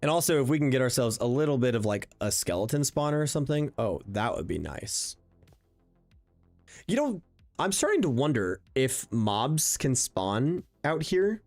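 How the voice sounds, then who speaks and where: A man's voice: mid-range voice, very animated, normal speed, a little mellow. A young man thinking aloud while streaming a block-building game, chatty and full of fillers, answering viewers as he plays. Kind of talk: casual live-stream gameplay commentary. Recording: faint background music under the voice.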